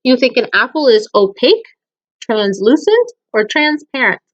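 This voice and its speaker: In a recording with the highs cut off, a woman teacher with a high-leaning, sing-song voice reads children's poems at a moderate pace. She explains things to the kids and frequently asks them questions.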